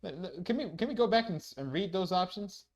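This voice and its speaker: A man's voice: high-pitched, expressive, fast talker. A man chatting playfully as he reacts to a video. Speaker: reaction host. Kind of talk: casual reaction commentary.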